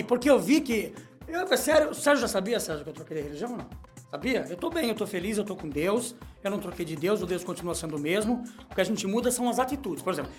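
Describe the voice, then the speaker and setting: Recorded on a studio microphone in a small studio, a middle-aged man hosting a comedy radio program tells jokes, goes off on tangents, and reads news aloud, with his voice moving up and down in pitch.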